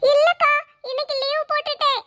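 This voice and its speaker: A woman's voice: extremely high pitch, fairly even intonation, a little fast, pushed and bright. A woman voicing a shy, tearful young woman who speaks in a hesitant, pleading way. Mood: anxious.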